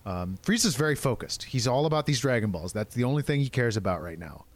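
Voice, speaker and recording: A man co-hosting a podcast in casual chat, excited and swearing freely, with quick asides. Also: mid-range voice. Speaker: podcast co-host.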